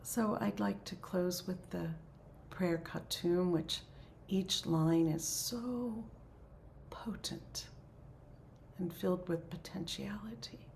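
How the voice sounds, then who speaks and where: Woman leading a prayer circle: slow, soft, half-whispered, with a low gravelly voice and faint background noise. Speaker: spiritual leader of a prayer circle. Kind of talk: gentle spiritual talk and prayer.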